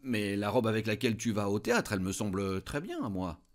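A man's voice: on the low side, very animated, fairly quick. A man voicing a timid, well-meaning clerk husband who stammers, in a read-aloud story. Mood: anxious. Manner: stammering, anxious to please.

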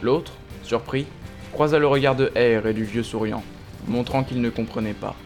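A man giving steady, understated scripted narration of an audio drama. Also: mid-range voice, moderate pace, faint music behind.

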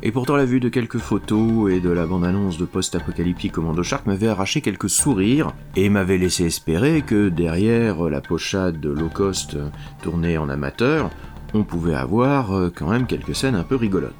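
A man's voice: low voice, expressive, moderate pace, darkish tone. A man giving a comic spoken film review in a sardonic, exasperated manner.

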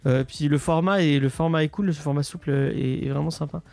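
A man hosting a casual podcast chat, halting and searching for his words as he goes. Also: on the high side, gravelly, a little mellow, no echo. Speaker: podcast host.

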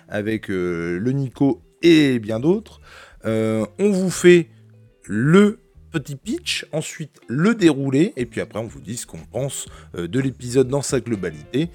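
A man's voice: mid-range voice, darkish tone. A man hosting a casual podcast, giving playful, grandiose introductions and often restarting his sentences. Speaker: podcast host.

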